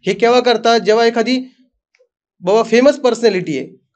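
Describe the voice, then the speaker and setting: A man's voice: extremely high pitch, moderate pace. A man, a family vlogger, telling his story earnestly in a casual interview.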